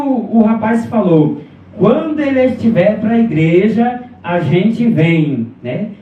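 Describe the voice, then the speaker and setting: A man from Brazil preaching a testimony, telling his story and often breaking in with praise to God. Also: high voice. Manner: storytelling, frequent interjections of praise. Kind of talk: sermon testimony. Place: church sanctuary. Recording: far-off echoey hall, phone-like sound.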